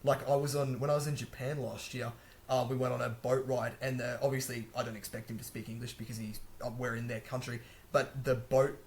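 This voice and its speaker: Brief: male vlogger, mid-pitched, talks fast and loose with lots of restarts, casual advice monologue. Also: slight background noise. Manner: rambling, chatty, frequent restarts and self-corrections. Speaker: language-learning vlogger. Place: a room indoors.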